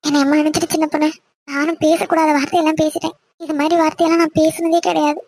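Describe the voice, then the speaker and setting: A woman's voice: high voice, little pitch movement, fast talker, darkish tone. A woman voicing a worried, apologetic village mother. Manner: pleading and apologetic. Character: worried middle-aged village mother, timid of her husband. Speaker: cartoon voice. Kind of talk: Tamil cartoon voice acting.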